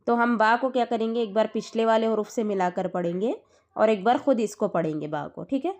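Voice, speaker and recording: A woman's voice: fairly high pitch, a little mellow. Patient woman teaching recitation rules. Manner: patient, repeats points and checks with "theek hai?". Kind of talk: explaining rules step by step.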